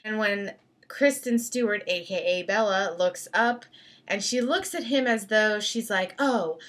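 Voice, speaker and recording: A young adult woman chatting casually as a video blogger, giving opinions in a slangy, emphatic, animated way with exasperated emphasis. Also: mid-range voice, measured pace. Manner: animated, acts out mock quotes. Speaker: video blogger reviewing film clips. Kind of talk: casual opinionated vlog chat.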